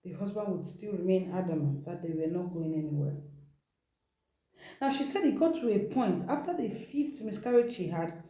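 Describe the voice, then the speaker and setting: In an echoing, roomy setting, a woman hosting a casual storytelling session recounts another person's account with chatty rhetorical asides. Her voice is fairly low and warm, with lively intonation and a normal speaking speed.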